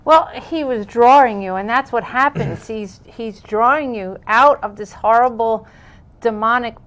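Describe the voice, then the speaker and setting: A woman hosting a faith interview, with a somewhat high voice. She backs up her guest warmly in meaning and finishes his thoughts with her own commentary. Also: measured pace. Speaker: host.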